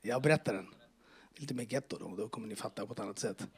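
A man gives a personal faith testimony to a church audience, emotional and earnest yet casual, using street slang and acting out dialogue. His voice is lowish and slightly rough.

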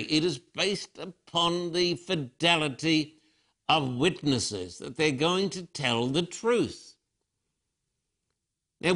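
Animated older preacher, fairly high voice. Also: male voice. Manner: animated storytelling, acting out quotes. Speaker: pastor. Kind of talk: sermon.

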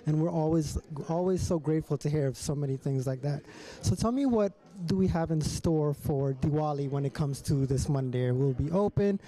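A man's voice: on the high side, fairly quick, few pauses, dark tone, poor audio. A man hosting on-site interviews and asking questions in a friendly, upbeat way. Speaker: host.

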